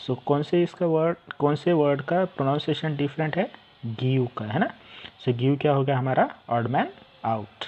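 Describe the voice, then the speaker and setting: A man teaching an English textbook lesson, explaining in Hindi and English, reading words aloud slowly and repeating them. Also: on the high side. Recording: dull lo-fi home recording.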